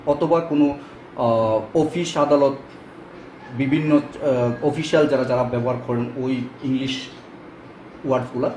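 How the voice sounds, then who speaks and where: A man's voice: a little high, darkish tone, slight background noise. A man teaching English pronunciation in a casual spoken lesson, explaining step by step with frequent fillers. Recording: echoey room with faint ambience.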